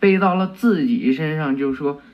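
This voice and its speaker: A man's voice: on the high side, normal speed, highs cut off. A man casually retelling a cartoon episode, chatty, with many fillers and self-corrections. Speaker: storyteller retelling an anime episode. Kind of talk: casual oral retelling with acted voices.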